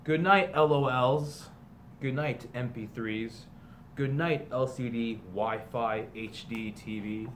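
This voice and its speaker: With a mid-range voice at a slow pace, a man reads a children's book to students like a teacher, switching between emphatic sing-song passages and relaxed explanations. Background noise can be clearly heard.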